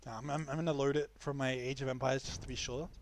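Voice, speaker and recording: A man's voice: mid-range voice, fairly even intonation, fast talker, slight background noise. A young man casting a strategy game live, chatty and loose, often restarting his sentences. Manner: chatty, frequent restarts and fillers. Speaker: esports caster.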